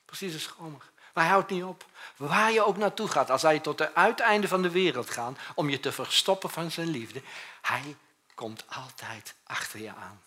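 Male pastor in a church, conversational sermon style, sharp and husky, jumps from urgent to quiet. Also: lively intonation, normal speed. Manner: swings between loud urgent bursts and quiet, low passages; conversational preaching, often tags on a questioning "hè?".

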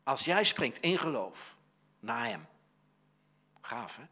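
An older man preaching with a Dutch accent, chatty and halting, full of restarts as he acts out little stories. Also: medium pitch, very animated, bright, forceful tone. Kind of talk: conversational sermon.

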